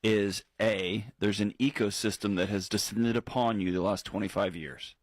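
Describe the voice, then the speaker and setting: A man's voice: lowish voice, fairly even intonation, no room sound. Man hosting call-in radio. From Houston, Texas. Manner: emphatic, reassuring, slows down for key points. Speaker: radio talk show host. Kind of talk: call-in advice talk. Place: radio studio. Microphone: studio microphone.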